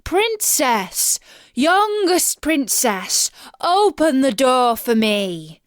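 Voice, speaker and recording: A woman's voice: high-pitched, big pitch swings, no room sound, studio quality, pitched above the performer's own voice, heavily acted. A woman voicing an insistent, pleading male frog in a children's storybook, with formal, old-fashioned speech. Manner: formal archaic speech, calling out in drawn-out cries.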